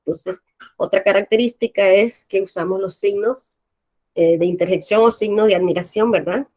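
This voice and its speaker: A woman's voice: mid-range voice, normal speed, a little mellow. A woman teacher with a Panamanian accent, patiently explaining a language lesson and often checking with her class by asking "right?".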